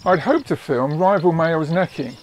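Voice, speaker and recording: A man giving scripted nature documentary narration in a measured, descriptive storytelling way. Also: fairly high pitch. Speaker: narrator of own wildlife travel film.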